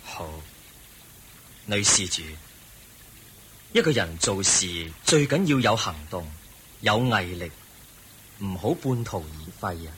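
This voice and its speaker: A wise Buddha-like teacher in a radio play. His voice is fairly low and bright, with expressive swings as he gives solemn, measured counsel. A noticeable hiss sits on the recording. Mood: calm, instructive. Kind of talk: Cantonese radio drama acting.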